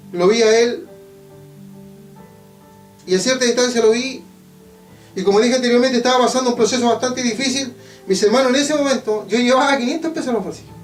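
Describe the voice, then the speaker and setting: A man from Chile with a Chilean Spanish accent, preaching an evangelical sermon and telling a testimony with emphatic, drawn-out phrases and repeated refrains. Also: extremely high pitch. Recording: echoey church hall from a distance with faint guitar. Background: faint guitar playing.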